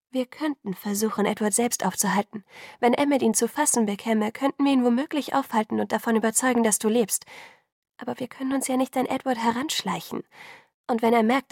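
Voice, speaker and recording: A woman's voice: on the high side, darkish tone, dry recording, clean studio sound, voice pushed up. A woman voicing an anxious young woman who speaks urgently and often drops to a whisper. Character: anxious young woman pleading in hushed tones.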